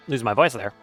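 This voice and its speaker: A man streaming a game and talking through it live. His commentary is casual and a little nervous, sprinkled with swearing. Faint game music plays softly behind his voice. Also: medium pitch, breathy edge.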